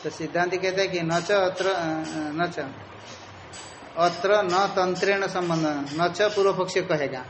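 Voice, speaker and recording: A man's voice: high voice, fairly even intonation, measured pace, fairly bright tone, echoey room, slight background noise, rough recording. A man teaching a Sanskrit philosophy lecture, explaining step by step and repeating the key terms.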